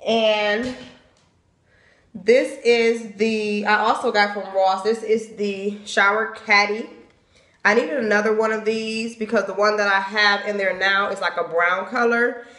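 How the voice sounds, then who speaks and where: A woman's voice: medium pitch, fairly even intonation, a little slow, fairly bright tone. A young woman filming herself on a phone in her bathroom, chatting casually as she shows items and their prices. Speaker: home decor vlogger. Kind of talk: casual haul and home tour. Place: small home bathroom, indoors. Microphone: phone camera at arm's length. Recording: echoey bathroom.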